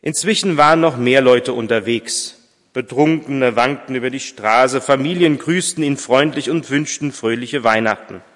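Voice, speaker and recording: A pastor reading a story aloud in a church service, measured and a little hesitant when speaking freely. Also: male voice, mid-range voice, fairly bright tone. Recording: long church reverb, distant mic.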